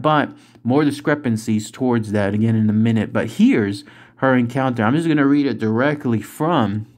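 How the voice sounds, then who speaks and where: A man's voice: mid-range voice, darkish tone. A middle-aged man hosting a cryptid video, narrating casually over still images in a conversational, rambling way with fillers.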